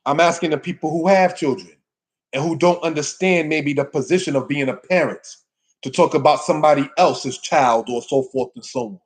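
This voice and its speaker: A man with a slightly rough, high-leaning voice teaches the Bible informally to his congregation at a moderate pace. He drives his message home with emphatic phrasing and asks rhetorical questions as he exhorts them.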